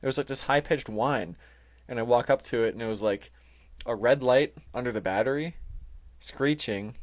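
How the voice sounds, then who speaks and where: A young man with a mid-range voice talks at a normal speed while co-hosting a podcast. His casual chat is laid-back and slangy, with some swearing mixed in.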